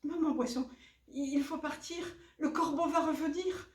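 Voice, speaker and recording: A woman's voice: sits high, steady tone, measured pace, darkish tone, voice pushed up. A woman voicing a young son fish, earnest and urgent, in a roomy, distant recording.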